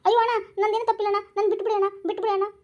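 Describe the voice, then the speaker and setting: A woman's voice: high-pitched, quick pace, natural voice. A woman voicing a scheming, cowardly male house thief in a cartoon, with a North Karnataka Kannada accent. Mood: pleading. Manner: sly, pleading when caught.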